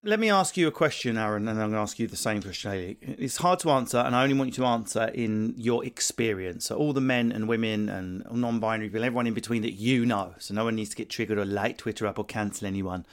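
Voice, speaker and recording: A man's voice: fairly low pitch, fast talker, hardly any pauses. A man hosting a casual discussion, blunt and sweary, putting rhetorical questions to the group. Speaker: panel host.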